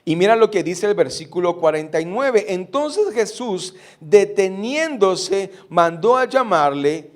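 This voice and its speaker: A man's voice: high voice, animated, a little slow, few pauses. A middle-aged man preaching a sermon, putting rhetorical questions to his congregation. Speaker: pastor.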